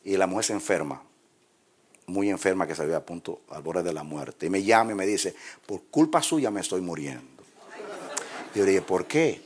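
A man in his sixties or older, a pastor, preaching a sermon in a soft, low-key storytelling voice in a church. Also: brisk, husky.

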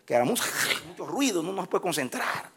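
A man preaching a sermon, swinging from shouted praise to hushed prayer. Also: high-pitched, very animated, a little fast, creaky, slightly rough.

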